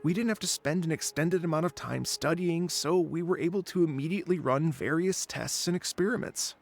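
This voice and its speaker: A man's voice: a little high, brisk, gravelly. An actor playing a chatty, unmotivated young male researcher who justifies himself, in a video game. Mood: wistful, self-justifying. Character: idle young male researcher, casual, unmotivated excuse-maker. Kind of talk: video game dialogue acting.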